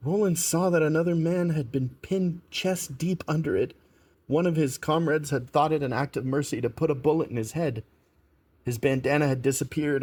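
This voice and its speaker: Male audiobook narrator, mid-range voice, calm and measured. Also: medium pitch, breathy edge. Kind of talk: scripted narration.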